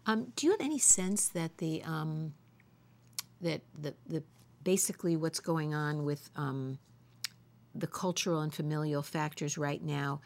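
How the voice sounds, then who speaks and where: Deep-voiced woman host, rambly questions. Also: unhurried. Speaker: interviewer host. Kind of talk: interview questions.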